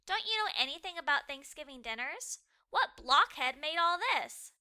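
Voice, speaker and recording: A woman's voice: sits high, expressive, moderate pace, sharp tone, voice pushed up, heavily acted. A woman voicing a bossy, blunt young girl in a storybook, emphatic and demanding. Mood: indignant.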